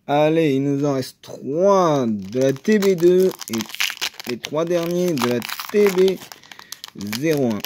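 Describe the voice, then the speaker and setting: Man, slightly high voice, casual card-opening chatter, excitable, hesitant fillers. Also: slow, background noise. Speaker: card game video maker. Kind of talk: casual booster-opening commentary.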